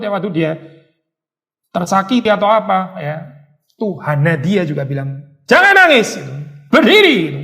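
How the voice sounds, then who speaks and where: A male pastor leads a Bible study in an easy, conversational way. His voice sits high and he keeps it animated, dropping English words into his talk. Now and then he acts out a stern little scolding line.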